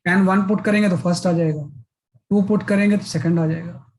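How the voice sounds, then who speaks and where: Physics teacher explaining step by step. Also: male voice, sits high, steady tone, fairly quick, darkish tone, slight background noise, low-quality recording. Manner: explains step by step, repeats filler "है ना". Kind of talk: classroom lecture.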